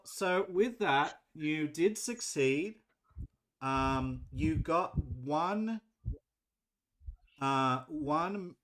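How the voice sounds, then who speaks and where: A game master narrating a tabletop game in a bright, lively voice that swings widely in pitch. The delivery is slow and unhurried, loose and casual, with plenty of fillers.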